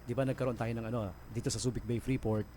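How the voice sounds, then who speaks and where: A man's voice: mid-range voice, steady tone, quick pace, mellow, slight background noise. A man with a Filipino accent hosting a casual late-night radio show, laughing often and mixing Tagalog and English. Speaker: radio DJ host. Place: radio studio.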